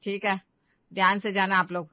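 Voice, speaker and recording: A woman's voice: mid-range voice, level tone, normal speed, no echo, dull audio, close to an everyday voice. A woman voicing a bossy, protective middle-aged mother in a cartoon story, with a stern, scolding tone.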